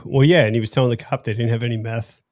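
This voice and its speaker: A man hosting a casual livestream, telling a story in an animated, joking way. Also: medium pitch, no room sound, clean studio sound. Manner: animated storyteller, quick jokes and laughs. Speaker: livestream host.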